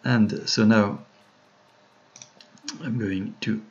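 This live-stream modeling tutorial comes from a French-accented man with a lowish, darkish, steady voice who talks slowly. Frequent "uh"s and restarted sentences mark his hesitant style, though he stays friendly with the chat. Audio quality is dull and lo-fi.

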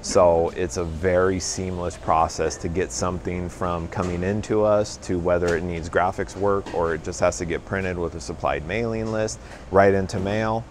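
Deep-voiced middle-aged man explaining machines. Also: steady tone, normal speed, noisy background. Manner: enthusiastic, step-by-step explaining. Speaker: print and mail manager. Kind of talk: guided tour, explaining machines. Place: large warehouse and print floor indoors.

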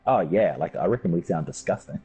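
A low-voiced man with a New Zealand accent chats easily over gameplay, joking as he goes. His tone is dark and mellow, with a very husky, breathy grain. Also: lively intonation, brisk, soft background music, poor audio. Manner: laid-back, joking banter. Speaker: gaming streamer. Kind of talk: casual gameplay chat.

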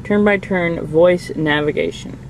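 A man's voice: a little high, a little slow, a little hiss or hum. A young man casually showing phone apps from inside a car, rambling with lots of fillers. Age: young adult. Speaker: tech reviewer. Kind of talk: casual app demo vlog.

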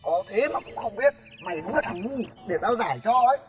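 Ớt, a cocky village lad. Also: male voice, high voice, animated, soft background music. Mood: smug. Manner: cocky, teasing, fast storytelling. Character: boastful young village student, Ớt.

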